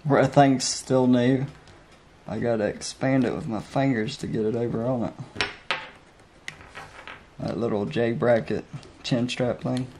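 Sitting indoors at a dining table, a motovlogger talks casually through a how-to video in a relaxed, folksy, plain-spoken style. His voice is medium-pitched and darkish with fairly even intonation, unhurried and full of pauses. He records on a helmet-mounted mic beside the camera, and there's slight hiss or hum.

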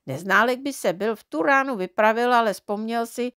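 A woman reading a children's storybook aloud in an expressive, measured way. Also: on the high side, smooth, no room sound, studio quality. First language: Czech. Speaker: audiobook reader.

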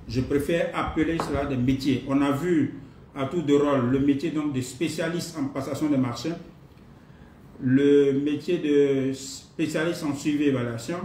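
A man leading a live online training class, greeting participants and speaking at an unhurried pace with pauses and fillers. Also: on the high side, a little mellow. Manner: unhurried, repeats himself, many pauses and fillers. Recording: roomy distant mic, faint noise.

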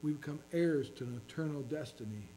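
A man's voice: a little high, a little fast, warm tone, slight background noise, rough recording. A man preaching a sermon as pastor, earnestly reading scripture in King James wording.

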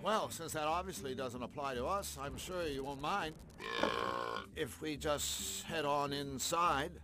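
A man's voice: a little high, unhurried, close to an everyday voice. An actor playing a nervy, well-meaning hero in a cartoon adventure game, wry and given to hammy tough-guy talk. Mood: polite, nervous. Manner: animated, wry, slipping into hammy gangster talk. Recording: music behind.

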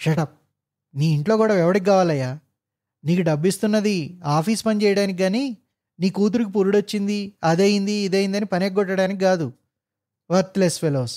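Man doing angry bossy engineer, barking, scornful, high-pitched, hot-tempered. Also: moderate pace, long pauses, darkish tone, natural voice. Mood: furious. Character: arrogant middle-aged male engineer boss, hot-tempered.

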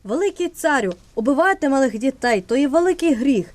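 A woman's voice: high-pitched, lively intonation, a little fast, no room sound. A woman performing a fearless male court prophet in a folk nativity puppet play, with solemn, admonishing declamation.

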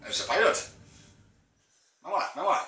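Hyper young gamer shouting. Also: male voice, high-pitched, animated, normal speed, far from the mic. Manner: hyper, shouting, crude jokes. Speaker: gaming YouTuber. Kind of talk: gameplay commentary. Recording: roomy, off-mic, game music behind.

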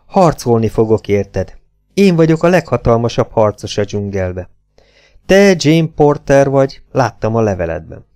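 An earnest young jungle man declares himself in slow, plain, solemn phrases, as a male narrator reads his letter. The voice is low-middle and gravelly. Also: big pitch swings, warm tone.

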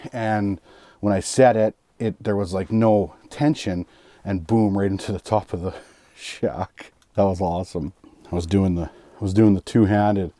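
A man in his thirties giving excited running commentary while ice fishing inside a small shelter. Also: deep voice, dry recording. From Canada. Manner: excited running play-by-play, chuckling. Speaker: fishing vlogger. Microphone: camera clipped to his cap and a fixed camera.

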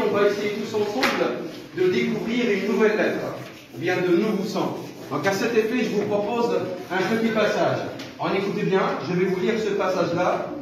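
A man teaching young pupils in a classroom, patiently repeating words slowly and prompting them for answers. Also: sits high, noisy background. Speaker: primary school teacher. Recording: echoey classroom from far off.

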